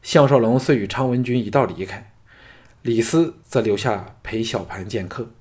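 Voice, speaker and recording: A man narrating a martial-arts fantasy novel as an audiobook, in a steady storytelling voice. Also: medium pitch, moderate pace.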